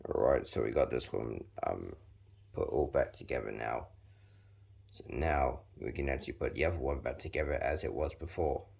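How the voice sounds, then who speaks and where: Speaking in a slightly mellow, purposely exaggerated deep and gravelly tone, this young man from New Zealand vlogs a relaxed how-to, talking as his hands stay busy. His narration is chatty and packed with fillers.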